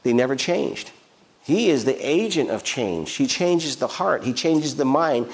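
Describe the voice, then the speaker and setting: A man's voice: mid-range voice, very animated, measured pace. Man, pastor, preaching a sermon in church, emphatic, repeats phrases, fires rhetorical questions. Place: church sanctuary.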